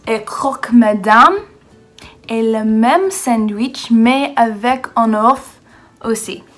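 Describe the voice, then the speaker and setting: Brief: American woman vlogger, native English speaker, halting learner's French, unhurried delivery. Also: a little high, a bit bright, soft background music. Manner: halting, searching for words with many fillers. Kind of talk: casual vlog in learner's French.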